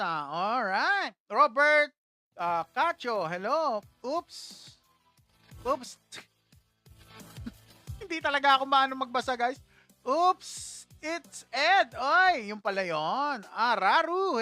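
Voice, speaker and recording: A woman's voice: high-pitched, sharp tone. A Filipino woman hosting a live stream, chatty and exclaiming as she greets viewers and laughs at her own slips. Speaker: livestream host. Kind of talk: casual live stream shoutouts.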